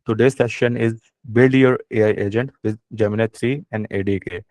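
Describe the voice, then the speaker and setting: A man's voice: medium pitch, steady tone, brisk, a little mellow, no room sound. A man hosting an online event, giving a formal introduction for a guest speaker. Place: online video call.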